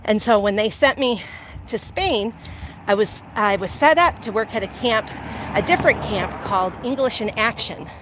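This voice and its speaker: Walking outside near traffic, a middle-aged woman from Illinois hosts a vlog and shares personal stories in a loose, talkative, wandering style. She speaks at medium pitch and a moderate pace. The recording is rough, with constant background and car noise.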